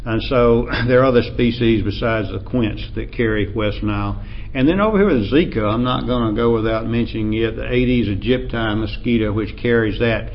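Appalachian man lecturing on a dull recording. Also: medium pitch. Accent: Appalachian American. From Appalachian United States. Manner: measured, hesitant, with frequent throat-clearing. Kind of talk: informal academic lecture. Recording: dull lo-fi sound, faint background noise.

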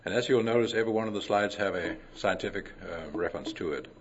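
An older man from Denmark giving a conference talk, clearing his throat often and mixing science with folksy anecdotes. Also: low voice, fast. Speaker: conference presenter. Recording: dull lo-fi recording.

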